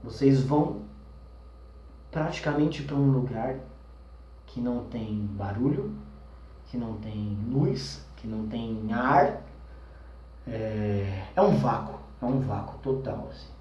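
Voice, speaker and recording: A young man with a Brazilian Portuguese accent tells an intense personal story, rushing in agitated bursts and then slowing to hushed, trailing phrases full of fillers. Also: mid-range voice, animated, lo-fi sound. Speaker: vlogger telling a personal experience. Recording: roomy, mic at a distance.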